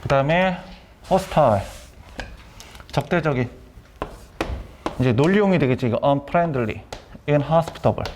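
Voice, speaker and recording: Middle-aged male lecturer, slightly high voice, brisk and repetitive, light hiss under the voice. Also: expressive, darkish tone. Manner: brisk, repeats key terms, quizzes students. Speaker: academy director teaching vocabulary.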